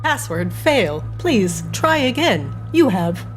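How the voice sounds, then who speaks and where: A woman's voice: on the high side, big pitch swings, slow, soft background music. A woman game master voicing a glitching clockwork machine that repeats clipped error messages in a tabletop game. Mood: flat mechanical. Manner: clipped, repetitive machine announcements. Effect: glitching robot voice.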